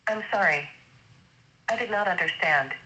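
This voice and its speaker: This automated phone assistant speaks in a woman's voice on the low side, at a moderate pace. She reads menu options and answers in a formal, steady, scripted way, and the line sounds dull with a faint hiss.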